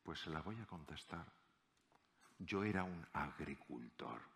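A man doing a calm, quiet millionaire. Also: extremely low pitch, unhurried, gravelly, pitched below the performer's own voice, full character voice. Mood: measured. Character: calm, surprised wealthy older millionaire man.

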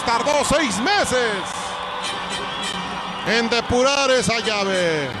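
Mexican guy commentating wrestling, excited but drawn-out pace, super loud crowd all around. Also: sits high. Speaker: lucha libre TV commentator. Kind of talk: excited live sports commentary. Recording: very loud crowd and arena noise.

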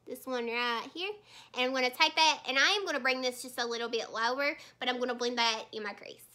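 High, bright-voiced chatty woman vlogger. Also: brisk. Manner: chatty and heartfelt, many fillers and restarts. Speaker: beauty vlogger. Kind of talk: casual chat while doing makeup.

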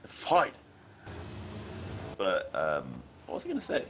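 A young man streaming a game, chatting casually and reacting with animated, joking remarks. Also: lowish voice, slow pace, background noise. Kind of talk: casual chat while gaming. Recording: game music playing behind the voice.

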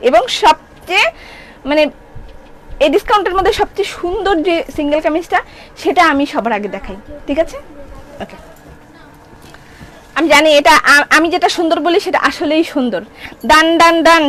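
A middle-aged woman with a Bangladeshi accent, running a live clothing sales stream, talking fast and playfully while reading viewer comments. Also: very high-pitched, fairly bright tone. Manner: fast, chatty, playful, reads comments aloud. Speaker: shop owner selling clothes on a live stream.

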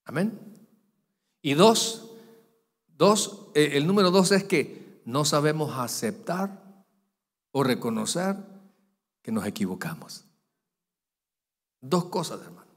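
A male pastor preaches in a fairly high, very lively voice. His delivery jumps from loud, stretched-out calls down to soft, confiding asides. The sound carries a long reverb from a large church hall. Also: slow pace, pauses often, slightly rough. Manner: animated preaching, voice swinging from loud peaks to quiet asides. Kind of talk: sermon.

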